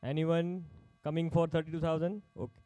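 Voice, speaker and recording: A man's voice: on the high side, level tone, fairly quick, mellow, dry recording. A man working as an auctioneer at a live sports player auction, calling out bids in short, repeated phrases.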